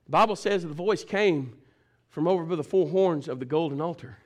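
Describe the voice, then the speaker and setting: A male pastor preaching a fervent sermon, calling out to his congregation and swinging between shouting and hushed low talk. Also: fairly quick. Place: church service.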